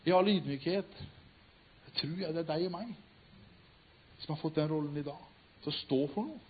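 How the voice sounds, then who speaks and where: A man preaching and retelling a story, swinging from loud emphatic cries to hushed, quiet tones. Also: a little high, slight background noise. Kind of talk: sermon storytelling. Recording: tinny phone-like sound.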